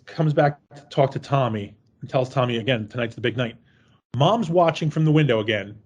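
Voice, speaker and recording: A man's voice: on the high side, breathy edge, highs cut off. A man co-hosting a horror film podcast, chatting casually in a rambling, jokey and profane way. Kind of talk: casual chat.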